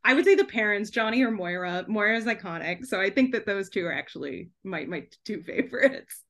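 A young woman, a debut author, is the guest in a relaxed, casual chat interview. Her middle-pitched voice is brisk, chatty and animated, full of laughing asides and frequent "like" as she thinks aloud.

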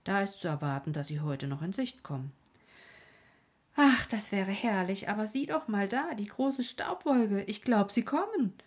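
A woman's voice: sits low, quick pace, hardly any pauses, darkish tone. A woman voicing a genial middle-aged doctor who dryly mocks and lectures his young nephew. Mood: wry. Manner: dry, mocking, lecturing.

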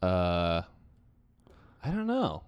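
A man's voice: low-pitched, wildly swooping pitch, very slow, smooth, no echo. A man hosting a podcast, chatting casually and teasing his guest with frequent laughter. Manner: playful, teasing, laughs often. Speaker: podcast host. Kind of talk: casual chat.

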